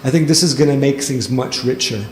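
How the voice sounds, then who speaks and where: In an event hall with an audience, a man on a panel takes a question and thinks aloud, restarting often and saying um a lot. He's a lecturer with a mid-range voice that runs a little fast. The recording is echoey with faint background noise.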